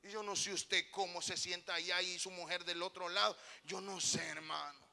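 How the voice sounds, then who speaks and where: A man with a very high, bright, gravelly voice preaches to his congregation as their pastor. He calls out to the crowd and builds to loud, fervent shouts. His voice rings through a reverberant church hall. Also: steady tone, moderate pace. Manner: preaching with rising shouts and call-outs to the congregation. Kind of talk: sermon.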